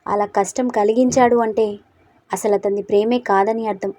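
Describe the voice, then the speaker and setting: A woman voicing a calm principled young man. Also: mid-range voice, normal speed, lightly acted. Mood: earnest. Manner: steady, reasoning, gently persuasive. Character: calm, principled young male college student.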